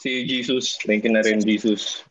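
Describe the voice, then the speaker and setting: A man from the Philippines, a host, telling a personal story in casual chat, animated and swearing as he acts out what people said. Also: lowish voice, moderate pace, lo-fi sound, a crowd in the background.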